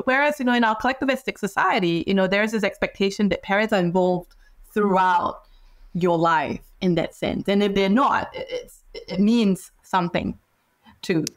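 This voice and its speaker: A woman in her thirties from Singapore answers interview questions over a video call, speaking through a headset in a home office. She talks thoughtfully, pausing with fillers and restarting her sentences as she works through ideas. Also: medium pitch. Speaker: guest psychologist.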